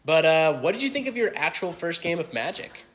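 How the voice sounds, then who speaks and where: A man playing a calm, smug card game mentor explaining his moves in a comedy skit. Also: on the high side, a little fast. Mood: smug, matter-of-fact.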